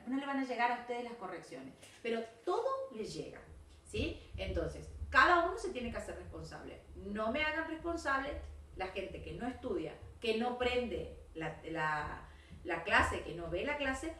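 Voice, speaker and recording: A woman's voice: a little high, very animated, moderate pace, sharp tone, echoey room, recorded from a distance. A woman English teacher, going through her pupils' mistakes one by one in a recorded video class, part scolding and part correcting.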